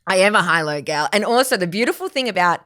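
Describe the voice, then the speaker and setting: A woman's voice: mid-range voice, expressive, fast talker, fairly bright tone. A woman in her thirties with an Australian accent, co-hosting a casual chat podcast and telling self-mocking stories. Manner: chatty, storytelling, self-mocking. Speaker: podcast co-host.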